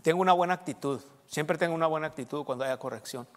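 A man preaching a sermon as pastor, emphatic, swinging between loud and soft and checking in with the congregation. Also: fairly high pitch, quick pace. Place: church. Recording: long church reverb.

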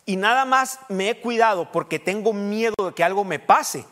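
A middle-aged man preaching a sermon as pastor, emphatic and rising to loud peaks as he counts off his points. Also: high-pitched, normal speed. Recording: long hall reverb.

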